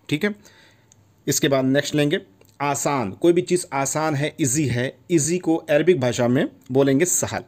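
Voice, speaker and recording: A man's voice: on the high side, darkish tone. Man teaching words, repeating each one. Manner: repeats each word, checks in with "theek hai". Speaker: language teacher. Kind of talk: casual video lesson.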